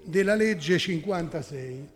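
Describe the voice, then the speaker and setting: Brief: councillor, man, fairly high voice, combative, stop-start, reverberant hall. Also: lively intonation, slow pace. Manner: argumentative, corrects himself often. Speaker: town councillor. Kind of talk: formal council debate. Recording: echoey council chamber.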